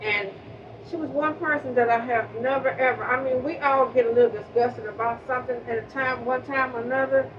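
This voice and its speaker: A woman's voice: sits high, fairly quick. A woman, a public housing resident, speaking earnestly about a neighbor she remembers and often repeating herself as she goes. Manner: earnest, repeats and restarts words. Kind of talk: emotional spoken remembrance. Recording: distant mic, muffled sound, steady background noise.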